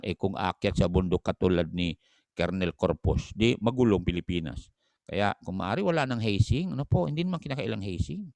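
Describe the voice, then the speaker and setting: A male pastor from the Philippines, preaching a conversational, animated sermon with frequent asides to the congregation. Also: lowish voice, no echo, clean studio sound.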